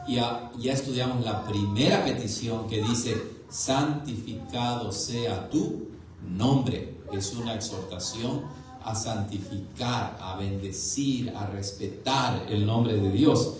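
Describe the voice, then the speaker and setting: Slow, deliberate preacher in an echoey hall. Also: male voice, on the low side, a crowd in the background. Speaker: pastor. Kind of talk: sermon teaching the catechism. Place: church sanctuary.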